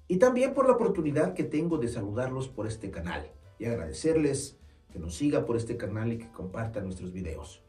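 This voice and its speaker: A friendly, earnest saxophone teacher and music store owner in his forties, with a Mexican Spanish accent, gives an informal lesson to camera in his small shop studio, full of hesitant fillers and restarts. His voice is lowish with a darkish tone. A far camera mic makes the sound roomy and distant, with faint music behind.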